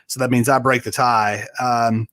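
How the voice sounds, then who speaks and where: A man's voice: mid-range voice, flat delivery, fairly bright tone. A man co-hosting a casual sports podcast, playful and jokey, running a bracket vote. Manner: playful, jokey, quick asides. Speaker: podcast co-host.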